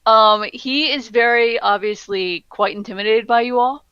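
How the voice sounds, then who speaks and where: A woman narrating a tabletop game as game master, describing the scene in measured tones over dull lo-fi sound. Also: fairly high pitch, fairly bright tone, clear, resonant tone, no echo.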